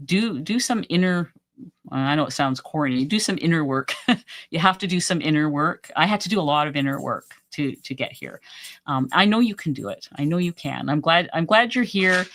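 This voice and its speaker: A woman talks through a relaxed live stream, answering her viewers and cheering them on. Her voice is bright and forceful, a little strained as she loses it. Her sentences are full of restarts and repeated words. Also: sits low. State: losing her voice. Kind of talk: casual live-stream chat, reading viewer comments.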